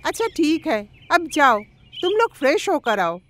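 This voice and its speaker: A woman's voice: sits high, big pitch swings, unhurried, slight background noise. A woman voicing Meena, a stern, bossy mother-in-law, in a cartoon story. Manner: bossy, scolding. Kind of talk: cartoon voice acting.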